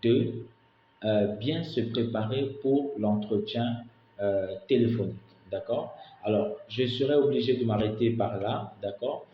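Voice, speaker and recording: A man from Senegal gives a casual instructional talk on call center work, checking in with listeners often and filling pauses with hesitations. His voice sits at a middle pitch in a roomy space with a noticeable echo. The recording sounds slightly dull, with faint background noise. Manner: repeats "d'accord?" and "notamment" often, many hesitations. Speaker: call center career coach.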